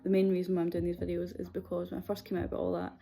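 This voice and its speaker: A young Scottish woman speaks in a low, dark and relaxed voice with little rise and fall. She tells her own story in a candid, conversational style, hesitating as she goes. Faint music plays behind her. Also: rapid-fire, gravelly. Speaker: video series host. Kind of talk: personal confessional storytelling.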